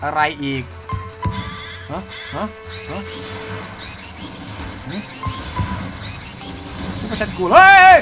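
Excitable high-voiced male game streamer. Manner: excitable, loud exclamations and repeated cries. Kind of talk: live gameplay commentary. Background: game music.

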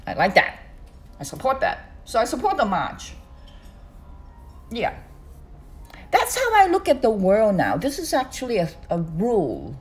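An older woman from Hong Kong talking to her phone in a loose, animated monologue, gesturing as she speaks. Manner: animated, gesturing with both hands, swooping pitch. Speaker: vlogger. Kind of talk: casual monologue to camera. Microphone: phone on a stand close to her.

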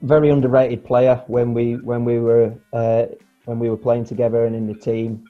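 Speaking from indoors at home, this guest, a former footballer in his forties, talks casually over a video call through an earphone mic. He has a medium-pitched voice and normal speed, and he rambles easily with lots of fillers and restarted sentences. Faint music sits under the dull, lo-fi audio.

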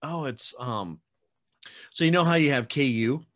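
With a mid-range, slightly bright voice, this man speaks a little slowly. He's a podcast host in his forties running a casual home interview over a webcam call, rambling chattily with plenty of fillers and occasional teasing.

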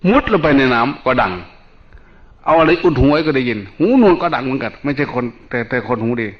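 A male Buddhist monk, calmly explaining meditation in a dharma talk and mixing in English terms. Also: medium pitch, a little fast. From Northeast Thailand. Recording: dull lo-fi recording.

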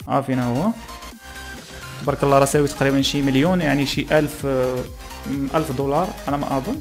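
A young man with a Moroccan accent giving casual, halting reaction commentary in Moroccan Arabic dialect as a channel host, close on a desk microphone. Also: mid-range voice, fairly even intonation, faint music behind. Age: young adult. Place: small plain room indoors.

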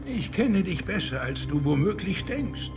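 Slow, telepathic villain, sinister and coaxing. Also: male voice, sits high, very animated, vocal fry, heavily acted. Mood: smug, menacing. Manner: telepathic voice speaking inside the listener's head, coaxing and menacing. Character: sinister mind-reading rat overlord, sly and commanding. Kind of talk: animated film dialogue. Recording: music under the voice.

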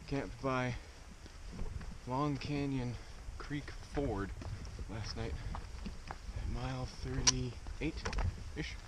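A young man with a mid-range voice vlogs his thru-hike outdoors on a mountain trail, the action camera held at arm's length. His casual talk to camera is easygoing and self-deprecating, full of laughs at himself, and he's winded on climbs. The outdoor mic records background noise.

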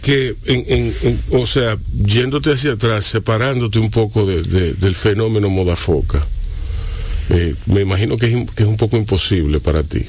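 A man's voice: on the low side, moderate pace, a little mellow. A man, interviewing casually, probing and playful, with frequent backchannel murmurs.

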